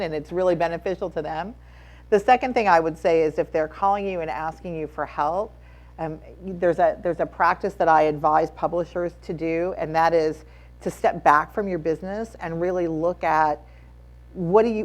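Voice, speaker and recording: A woman on a conference panel giving advice to publishers, measured and full of fillers. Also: on the low side, darkish tone.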